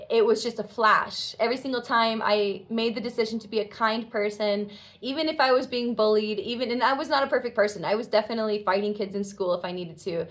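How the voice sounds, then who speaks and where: A woman in her twenties telling a personal story in an earnest, heartfelt, reflective way. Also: mid-range voice. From United States. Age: 20s. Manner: earnest, heartfelt, reflective, acts out quoted dialogue. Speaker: vlogger.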